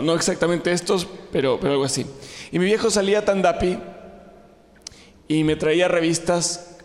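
Ilustrador bromista en un auditorio con eco. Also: male voice, a little high. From Ecuador. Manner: joking, self-deprecating, frequent fillers and restarts. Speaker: illustrator giving a talk. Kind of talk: humorous public talk to a live audience. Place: large hall with an audience. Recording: long hall reverb.

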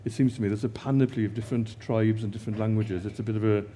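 A man's voice: fairly low pitch, steady tone, racing, warm tone, a little hiss or hum. A man interviewing a poet, asking questions with a hesitant, filler-heavy delivery.

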